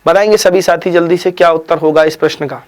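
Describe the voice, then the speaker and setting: A man teaching a live online spelling quiz, who urges students to answer fast, praises them briskly, teases them, and stretches each word out slowly. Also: on the high side, fairly even intonation. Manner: drawn-out slow spelling of words, brisk praise and teasing. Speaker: Hindi exam teacher.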